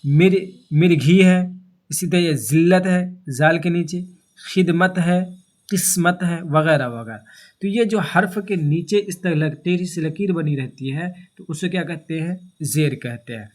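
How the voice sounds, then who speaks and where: A man teaches a grammar lesson in a slightly raised voice. He keeps asking his listeners questions, then answers them himself, going over each term again. He draws out example words slowly so the sounds can be heard. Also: on the high side. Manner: asks questions and answers them himself, repeating key terms. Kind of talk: classroom-style grammar lesson.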